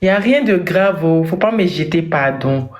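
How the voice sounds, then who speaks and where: A woman calling into a live stream, speaking haltingly. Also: lowish voice, animated, darkish tone. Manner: hesitant, halting. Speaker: caller.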